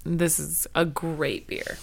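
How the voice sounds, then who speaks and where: A woman's voice: low voice, level tone, slow pace, gravelly. A young woman co-hosting a casual podcast, chiming in with short replies and laughs. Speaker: podcast co-host. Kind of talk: casual chat.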